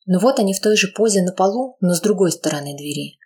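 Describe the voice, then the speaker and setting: A woman reading a tense audiobook aloud in a steady, dramatic narration. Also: mid-range voice, fast, slightly rough.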